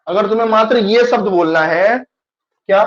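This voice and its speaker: Guy teaching kids online, high voice, keeps asking the class stuff again, kinda dull lo-fi audio. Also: normal speed. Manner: patient, repeats questions to students.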